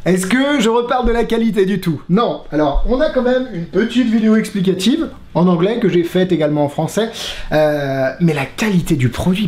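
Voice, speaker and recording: A man reviews a magic trick in a casual, exasperated way, swearing and laughing along. His pitch leaps around a lot. The room gives his voice a clear echo. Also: a little mellow. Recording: roomy echo.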